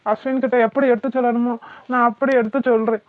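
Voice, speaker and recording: A woman's voice: fairly high pitch, fairly even intonation, fast, no echo, lightly acted. A woman voicing a dutiful young adult eldest son in a cartoon, earnest and reassuring, with a southern Tamil Thoothukudi accent. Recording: tinny phone-like cartoon audio.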